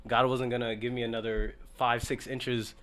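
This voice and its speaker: A man's voice: medium pitch, level tone, moderate pace, a bit bright. A man in his twenties, originally from Ethiopia, telling his story as a guest in a casual podcast interview. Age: 20s. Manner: easygoing, storytelling, laughs along. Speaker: guest, startup founder.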